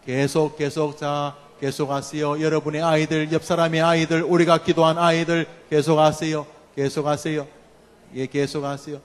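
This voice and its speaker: A man's voice: fairly high pitch, flat delivery, normal speed. A man delivers a sermon with a somewhat raised voice. His words ring out with a long reverb through a church hall as he leads the congregation in prayer, calling out one name after another. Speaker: pastor. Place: church sanctuary.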